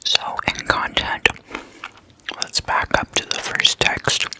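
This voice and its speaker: An ASMR host keeps entirely to a whisper, explaining things in a laid-back way with short, deliberate, soft phrases. The recording is rough.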